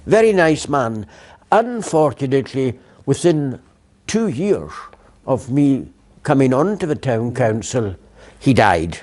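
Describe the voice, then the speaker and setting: Older guy telling old council stories, lots of uhs and restarts, council chamber. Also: medium pitch. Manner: warm storyteller, many fillers and restarts. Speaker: guest speaker, former provost. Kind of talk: public lecture full of anecdotes.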